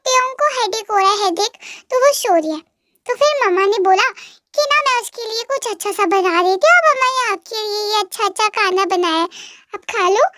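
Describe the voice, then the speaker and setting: A woman's voice: very high-pitched, pushed and bright, no room sound, pitched above the performer's own voice, heavily acted. A woman voicing a young man who has slipped into a childlike state, pleading and sweet, in a fan audio drama. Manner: pleading, sweet and babyish, calls himself by a pet name.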